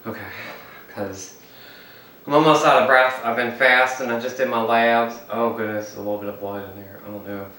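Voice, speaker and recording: Man, eating vlogger, rambles as he chews, bright forceful tone, off-mic in a roomy, faintly hissy space. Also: mid-range voice, fairly even intonation, moderate pace. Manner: rambling, chatty, talks while chewing. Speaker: mukbang vlogger. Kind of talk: casual eating vlog. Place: indoors, filming alone. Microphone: camera mic set up by himself. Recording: echoey room, mic at a distance, faint noise.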